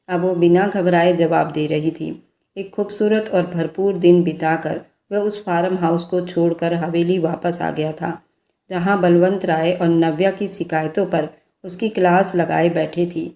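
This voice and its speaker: A woman narrating a romantic story with a steady, emotive reading. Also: on the low side, a little slow. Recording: roomy echo.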